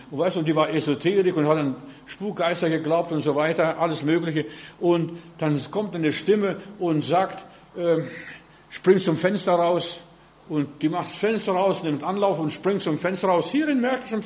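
A man's voice: a little high, a little mellow. A man preaches an informal sermon. He is fervent, talks straight at his listener and keeps asking whether they follow. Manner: fervent, addresses listener directly with frequent rhetorical questions.

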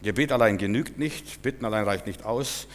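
Animated preacher man, echoing hall. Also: normal speed. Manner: animated preaching that swings between loud exclamations and low asides. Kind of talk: sermon. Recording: long hall reverb.

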